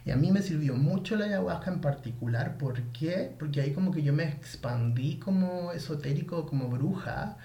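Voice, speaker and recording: A man with a fairly high, gravelly voice tells a winding personal story, animated and full of slang. His voice rings around an echoey room. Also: moderate pace, few pauses, muffled recording. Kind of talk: casual storytelling monologue.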